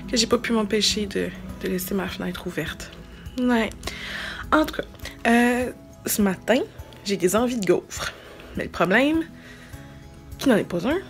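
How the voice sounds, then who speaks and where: A woman's voice: mid-range voice, gravelly. A woman in her thirties with a Quebec French accent, chatting casually and informally to her vlog viewers in a self-deprecating way. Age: 30s. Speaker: vlogger. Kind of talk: casual vlog chat to camera.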